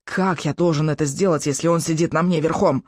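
A woman voicing a stubborn young Viking boy hero, strained and pleading, rising to high yelps. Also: lively intonation, moderate pace, dark tone, slightly rough, dry recording, studio quality.

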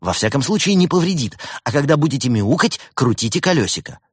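A man's voice: medium pitch, sing-song, brisk, husky, no echo, clean studio sound, voice pushed up. A man voicing a cheerful young male tech-support worker with an eager, helpful manner. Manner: chirpy, eager, bright helpful phone manner. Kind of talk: audiobook character voice.

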